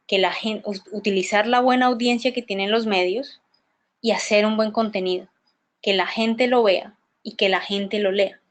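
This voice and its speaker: Hesitant woman presenting at a conference. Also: mid-range voice. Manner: hesitant, repeats words and restarts often; asks listeners for agreement with tag questions. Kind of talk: explanatory presentation talk.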